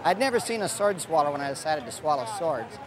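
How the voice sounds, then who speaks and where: A man's voice: a little high, big pitch swings, fast talker. A man from Idaho, a sword swallower, answering interview questions in a casual, plain-spoken, easygoing way. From Idaho, United States. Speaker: sword swallower and circus-style performer. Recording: noisy outdoor fair with crowd. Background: crowd and outdoor fair ambience.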